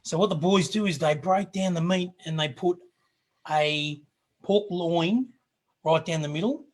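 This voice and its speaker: A husky Australian man with a voice that sits a little high. He chats casually on a live stream and rambles through stories with plenty of filler words. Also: measured pace. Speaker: co-host of a barbecue live show.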